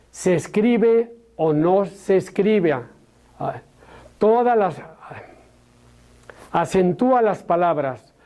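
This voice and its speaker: Guy coaching public speaking, high voice, slow and careful, spells out each rule. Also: darkish tone. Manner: deliberate, instructive, demonstrates exaggerated accentuation. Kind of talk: spoken lesson on public speaking.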